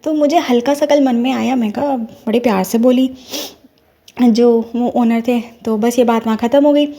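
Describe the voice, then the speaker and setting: A woman's voice: a little high, fairly even intonation, moderate pace, mellow. A young woman telling a personal devotional story in an earnest, casual storytelling way. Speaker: devotee sharing a personal experience. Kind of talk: casual spoken testimony.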